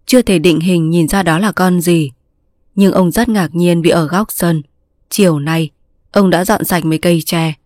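A female narrator reads a scripted story aloud in a steady, measured manner with a low voice. The recording is dry and close, with no sense of room around it.

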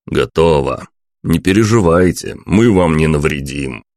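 A composed detective who stays even and courteous under pressure, as the narrator puts him on. The voice is low and deep, read close and dry in a storybook audiobook. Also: male voice, unhurried, no echo, exaggerated voice. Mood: polite. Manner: calm, polite. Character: adult man, cool-headed and smoothly polite detective.

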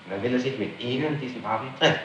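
Acting as a public prosecutor in a formal interrogation, a fast-talking man with a mid-range voice methodically and insistently lays out witness testimony. The audio is dull, coming from a noisy, echoey 1960s interrogation tape recorded in a reverberant room and kept as archive tape.

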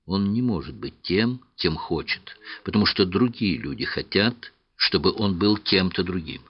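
A man with a deep voice plays a calm young woman who knows more than she says. She speaks quietly, gently and with a touch of sorrow. The audiobook recording sounds a little muffled. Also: a little slow, husky, full character voice. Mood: hushed, earnest. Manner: soft, hushed delivery.

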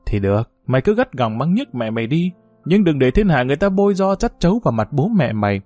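A man's voice: a little high, big pitch swings, fast talker, a little mellow, no echo, faint music behind. A man reading the part of an old half-blind village mother, fretful and nagging.

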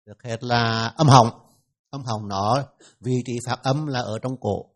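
Slow-speaking Vietnamese man teaching. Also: medium pitch. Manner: slow, repeats sounds for students to imitate. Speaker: teacher of Pali pronunciation. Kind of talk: classroom dharma lesson.

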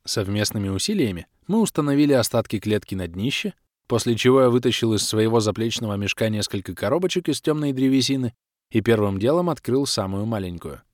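A man narrating a first-person fantasy audiobook with wry, lively storytelling. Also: medium pitch, brisk, no room sound, studio quality.

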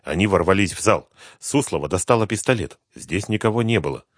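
A man narrating a thriller audiobook in a tense, measured reading on a close microphone. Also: low voice, lively intonation, slightly rough, no echo. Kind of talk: scripted narration.

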